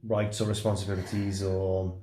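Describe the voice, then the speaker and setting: A man's voice: deep voice, completely flat delivery, moderate pace, warm tone. Man, hesitant, echoey room. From Wales. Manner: hesitant, rephrasing as he explains. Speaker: vlogger's husband and guest. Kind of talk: casual chat about books.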